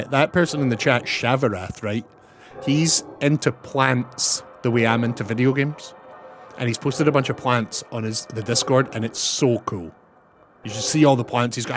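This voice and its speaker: Chatty streamer guy. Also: medium pitch. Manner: chatty, talks to his chat, ends turns with "over". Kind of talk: casual chat while gaming. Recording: game music loud behind.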